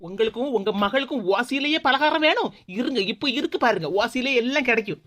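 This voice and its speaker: Woman doing a young daughter-in-law in a cartoon, always complaining, bright high voice, talk. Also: expressive, quick pace. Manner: complaining, indignant. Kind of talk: cartoon voice acting.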